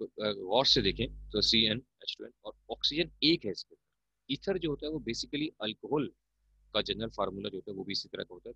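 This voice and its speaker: In a classroom lecture, a male chemistry teacher with a Pakistani Urdu accent explains things patiently and calls his students "beta." His fairly low voice is creaky, pushed and bright with a breathy edge, captured dry on a muffled, dull lo-fi recording.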